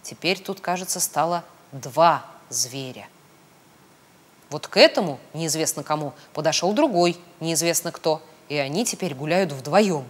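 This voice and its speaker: Pooh: a woman playing a thoughtful little storybook bear, low and soft, slow and musing. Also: lively intonation, breathy edge, exaggerated voice. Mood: puzzled, pondering. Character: small thoughtful slow-witted male teddy bear.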